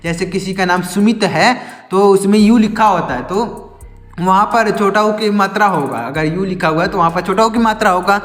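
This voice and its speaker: A man's voice: sits high, moderate pace, a bit bright, in a large hall, faint music behind. A man teaching an English lesson, asking his own questions and answering them again and again.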